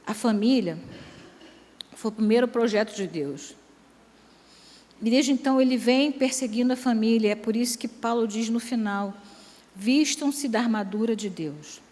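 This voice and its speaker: A woman's voice: on the high side, normal speed, long pauses, warm tone. A woman preaching at a family conference in a church, mixing teaching with jokes and acted-out quotes. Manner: humorous, acts out quoted voices. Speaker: church speaker. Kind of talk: sermon with jokes. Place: large church hall. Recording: church hall reverb.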